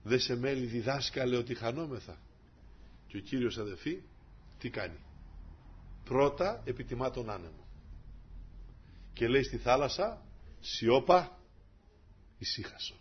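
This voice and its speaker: A man preaching a sermon with fervor, swinging between loud emphatic peaks and soft asides. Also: lowish voice, breathy edge. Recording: dull lo-fi recording.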